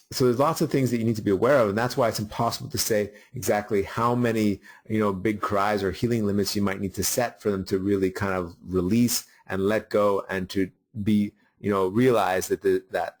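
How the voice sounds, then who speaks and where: Halting low-voiced man teaching parents. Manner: halting, many fillers and restarts. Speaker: webinar host. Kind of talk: unscripted teaching talk.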